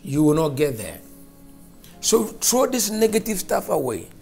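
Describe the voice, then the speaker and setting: Preacher, fervent sermon and prayer, emphatic repetition, mid pitch, faint background music. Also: sing-song, measured pace, vocal fry, darkish tone. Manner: fervent, emphatic, repeats phrases for stress.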